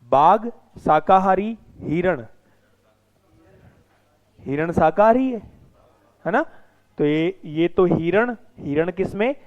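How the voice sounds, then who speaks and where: High-voiced teacher. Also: male voice, animated, slow pace, long pauses, dull audio. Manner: teasing, scolding students in between. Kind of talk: classroom lecture with banter. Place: classroom with students.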